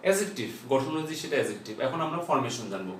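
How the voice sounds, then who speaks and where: A man with a Bangladeshi accent giving a grammar lesson, explaining step by step, repeating key points and spelling words out slowly. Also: mid-range voice, very animated, a bit bright, slight background noise. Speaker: English grammar teacher. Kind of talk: classroom lecture. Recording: echoey room, voice from a distance.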